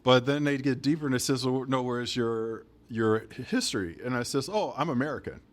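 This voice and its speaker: A man from Chicago hosts a podcast interview, and his delivery is easygoing and conversational. His voice sits at a middle pitch. He is recorded on location at a museum. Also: a little fast. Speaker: podcast host. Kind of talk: casual interview chat. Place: museum near a university campus.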